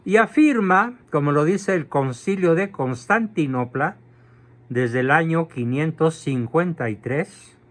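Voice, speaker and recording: Male catechism lecturer, measured and forceful, drawn-out pace, voice a touch high. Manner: emphatic, slow and deliberate, spells out terms. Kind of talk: doctrinal lecture.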